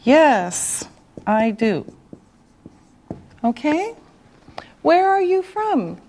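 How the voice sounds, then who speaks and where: Woman teacher for beginners, extremely slow and high-voiced, drilling each word with careful enunciation. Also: big pitch swings, darkish tone, slight background noise. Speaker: English teacher. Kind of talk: beginner language lesson.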